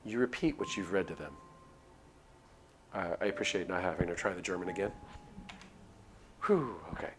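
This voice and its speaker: Music runs beneath this deep male voice as he reads a visual novel on stream at a moderate pace, pausing often. He narrates dramatically and drops in casual asides.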